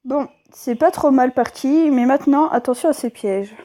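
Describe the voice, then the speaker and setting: A woman's voice: high voice, normal speed, mellow. A woman hosting a let's play, chatting casually and stumbling a little over her words. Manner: chatty, hesitant, with fillers and stumbles when reading. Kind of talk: casual gameplay commentary.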